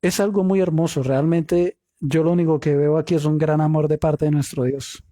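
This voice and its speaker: A man's voice: a little high, fairly even intonation, normal speed, mellow, dry recording, studio quality. A man teaching a Bible study, reading scripture aloud and explaining the Hebrew meaning of words, often asking rhetorical questions.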